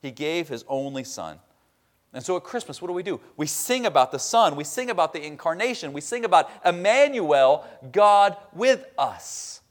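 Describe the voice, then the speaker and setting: A man preaching a sermon, stressing key words loudly and dropping to a hushed tone at the ends of points. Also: fairly high pitch, big pitch swings, normal speed. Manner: emphatic preaching, swinging between loud stresses and quiet drops. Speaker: pastor.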